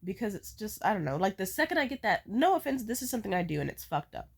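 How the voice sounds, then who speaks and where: A woman who is sick with a stuffed-up nose rambles casually. She complains with theatrical, animated emphasis and swears freely as she tells her stories. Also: medium pitch, fast talker, gravelly, breathy edge. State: sick with a cold, congested nose. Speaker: vlogger. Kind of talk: casual rambling storytime chat.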